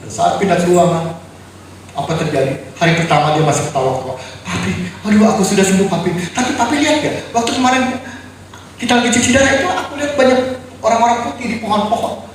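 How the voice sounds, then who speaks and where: Preacher, male, very high voice, impassioned grief, recorded far off in an echoey room. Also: fast talker. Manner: grieving, cries out and shouts in anguish; addresses listeners as brothers and sisters. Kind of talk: emotional sermon testimony. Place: apartment worship room. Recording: very echoey room, distant mic, faint noise.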